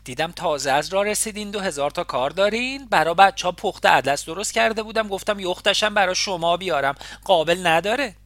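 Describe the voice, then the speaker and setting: A woman's voice: lowish voice, hardly any pauses, a bit bright, dry recording, voice pushed up, lightly acted. A woman voicing a talkative, nosy Isfahani neighbor in her forties, speaking with an Isfahani accent in a fussing, effusive way. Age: 40s.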